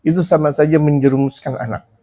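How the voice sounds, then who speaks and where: Male preacher, fairly high voice, lively sermon style, Arabic recitation mixed with chatty asides. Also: fast. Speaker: Islamic preacher. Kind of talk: sermon teaching a religious book.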